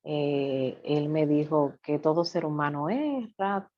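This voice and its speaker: A woman's voice: low-pitched, slow pace, no room sound, muffled recording. A woman sharing a personal faith testimony in an earnest, confessional way, repeating phrases for emphasis. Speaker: church member giving testimony.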